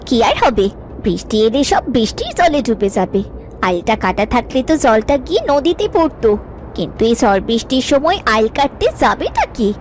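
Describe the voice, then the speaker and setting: A woman's voice: on the high side, sing-song, moderate pace, a little mellow, a little hiss or hum. A woman voicing a jealous, snide younger sister-in-law in a cartoon drama. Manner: snide, complaining.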